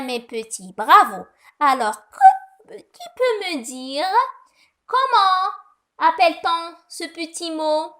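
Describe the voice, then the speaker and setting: A woman teaching a recorded lesson to young pupils, patient and deliberate, fondly calling them her little ones. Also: very high-pitched, sharp tone. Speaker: primary school French teacher.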